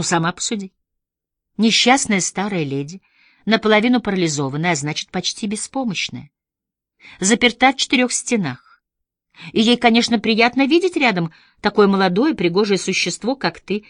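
A woman voicing a brisk middle-aged district nurse with a professionally cheerful, coaxing manner. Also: medium pitch, sing-song, no echo, studio quality, voice pushed up.

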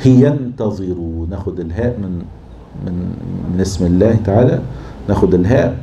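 Dark-voiced Egyptian man teaching verse meter. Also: low voice, muffled recording, a little hiss or hum. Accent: Egyptian Arabic. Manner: slow, drawn-out chanting when scanning lines of poetry. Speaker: teacher of Arabic prosody. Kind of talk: classroom lecture scanning verse.

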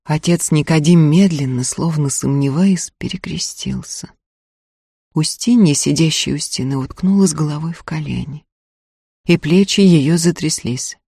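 A man narrating an audiobook in a measured storytelling voice. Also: on the high side, dark tone, husky, no echo, studio quality. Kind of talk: scripted narration.

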